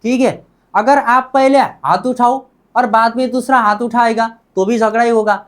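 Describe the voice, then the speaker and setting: A woman's voice: on the high side, fairly even intonation, normal speed. A woman teaching a language lesson, asking the same questions again and drilling the answers back, the way a classroom teacher does.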